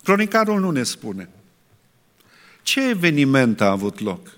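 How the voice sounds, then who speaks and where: A man's voice: medium pitch, very animated, fairly bright tone, in a large hall. A man preaching a sermon earnestly, asking his listeners rhetorical questions.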